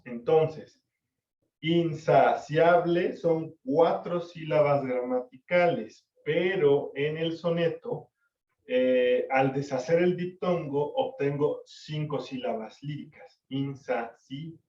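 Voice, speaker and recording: A male literature teacher, lecturing an online class, counting syllables slowly and checking for understanding. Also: fairly high pitch, darkish tone. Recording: echoey, distant, dull-sounding mic.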